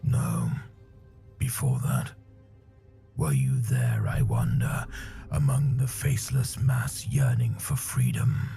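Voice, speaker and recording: A man voicing a wounded, weary warrior who talks low, growled and half-whispered. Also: lively intonation, slow, creaky, mellow, faint music behind, exaggerated voice. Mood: grim, recalling. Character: wounded, weary male warrior, grim and bitter.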